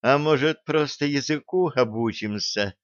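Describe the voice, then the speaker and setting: A timid, fussy male scientist , put on by a male audiobook reader, who talks in a higher, hesitant, apologetic voice. The recording is dry and a bit dull. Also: measured pace, fairly bright tone, smooth, dry recording, lightly acted. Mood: eager.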